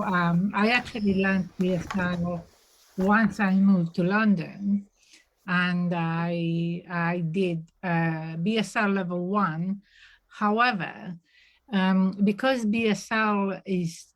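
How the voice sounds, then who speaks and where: Hesitant woman in her forties. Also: lowish voice. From Italy. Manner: hesitant, halting with many fillers and restarts. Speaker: panel guest. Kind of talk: online panel discussion.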